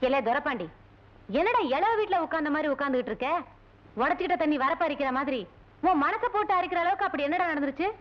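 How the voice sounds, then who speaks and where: A cunning village mother with a high voice and a sharp tongue, scolding and plotting in earthy village talk. The film audio is dull and lo-fi. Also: expressive, fast talker. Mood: scheming. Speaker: mother of the hero. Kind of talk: Tamil film drama dialogue.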